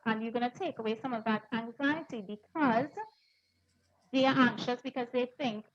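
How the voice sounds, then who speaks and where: A Trinidadian woman with a fairly high voice gives earnest, reassuring advice on a video call. She pauses now and then to find her words, and the audio sounds a little dull with faint noise behind it. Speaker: webinar presenter. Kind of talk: casual advice on a panel.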